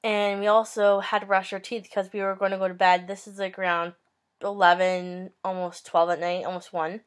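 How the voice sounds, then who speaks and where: A young woman vlogs from a small bedroom, telling a story to her webcam in a casual, upbeat way. Her mid-range voice moves at a normal pace, chatty and lively, with animated hand gestures. The webcam picks her up at close range.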